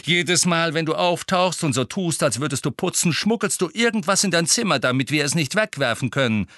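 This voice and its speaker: A man's voice: a little high, lively intonation, brisk, a bit bright, dry recording, studio quality, pitched above the performer's own voice. A man voicing a bitter, curt grown man who speaks scornfully, in an audiobook.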